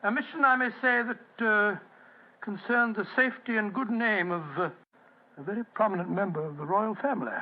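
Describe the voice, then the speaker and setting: An actor playing a genial, fussy older English doctor, narrating and acting in an old-time radio drama. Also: male voice, high-pitched, brisk, dull audio, natural voice. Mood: genial, storytelling. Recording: thin, band-limited vintage radio recording.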